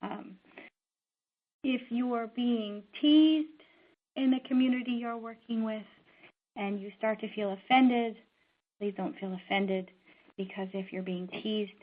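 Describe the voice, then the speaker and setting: A middle-aged woman from Newfoundland and Labrador, a social worker giving an instructional talk in an earnest, conversational way, often pausing on "um". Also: on the high side. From Newfoundland and Labrador, Canada. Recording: narrow, tinny phone-like sound.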